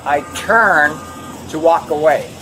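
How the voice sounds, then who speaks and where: A man working at an airport recounts an incident to police in a halting, rambling way, acting out what was said, recorded on a body camera. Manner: halting, rambling, acts out his own quoted words. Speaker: airport airline worker giving a witness account. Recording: noisy body camera audio, vehicle rumble.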